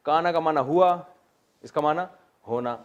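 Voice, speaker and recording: A middle-aged man, teaching Quranic Arabic grammar. He spells out word forms slowly, repeats them, and drops in joking asides. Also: fairly high pitch, lo-fi sound. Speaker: religious teacher.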